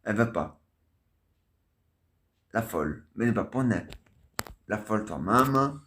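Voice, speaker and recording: A man's voice: lowish voice, expressive, takes it slowly, a bit bright. A man hosting a homemade comic theatre sketch, muttering asides and filling his talk with little fillers. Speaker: amateur puppeteer and show host.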